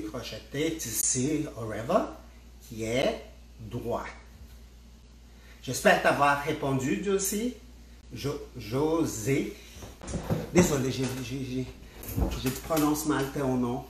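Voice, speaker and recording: A man's voice: medium pitch, animated, takes it slowly, long pauses, a little hiss or hum. A man gives a casual spinning tutorial on a livestream. He speaks straight to his viewers and often repeats and restarts his words. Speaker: spinning instructor. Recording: echoey room.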